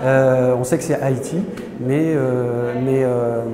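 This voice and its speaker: In an indoor exhibition gallery, a man explains history hesitantly, with many filler sounds and restarts. His voice is medium-pitched with fairly even intonation and a slow pace. The hall echoes, and a crowd can be heard behind him.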